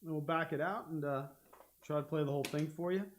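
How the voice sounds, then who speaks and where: A man teaching a guitar lesson on a live stream, explaining step by step and humming out rhythms, with loud guitar playing behind him. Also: on the high side, fast, slight background noise. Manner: explains step by step, hums rhythms, checks in with "okay?". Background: guitar playing and looper.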